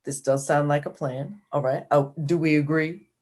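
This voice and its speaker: A woman's voice: deep voice, fairly even intonation, normal speed, darkish tone. A woman playing a tabletop game, playful and giggly, firing off questions. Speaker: player. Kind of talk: casual tabletop play.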